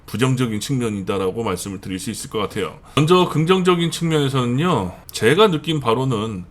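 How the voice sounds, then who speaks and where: A middle-aged man from the Seoul area hosting his own channel, giving a chatty monologue full of fillers and emphatic repetition. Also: mid-range voice. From northern Gyeonggi and Seoul, South Korea. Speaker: channel host. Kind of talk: monologue commentary.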